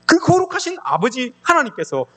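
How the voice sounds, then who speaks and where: A man's voice: very high voice, huge pitch swings, a little fast, a bit bright. A middle-aged man preaching a sermon as pastor, impassioned, often calling out to the congregation and voicing a prophet's lament with emotion. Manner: voices the prophet's lament in emotional rising tones.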